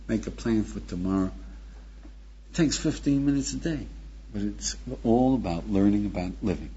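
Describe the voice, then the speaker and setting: A man teaching as a rabbi delivers a recorded lecture in a low, dark, husky voice, speaking emphatically, posing rhetorical questions, and calling his listener "friend." The recording sounds muffled.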